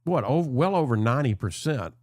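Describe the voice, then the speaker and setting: A man's voice: medium pitch, lively intonation, a little fast, a little mellow, dry recording, studio quality. A man hosting a casual talk show interview, enthusiastic and supportive. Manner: enthusiastic, supportive, frequent affirmations.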